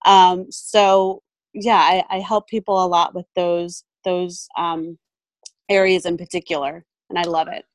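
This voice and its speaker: A woman photographer and mentor speaks as a podcast guest in a casual interview, thoughtful and heavy on fillers and restarts. Her lowish voice has a flat delivery and a slightly slow pace, recorded dry.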